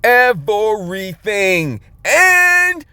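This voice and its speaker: A male preacher delivers a sermon, reading scripture and breaking in with emphatic, colloquial asides and soft chuckles. His voice sits high and swoops widely in pitch, and the recording is dry and close with no room sound. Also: very animated, very slow, smooth, no echo.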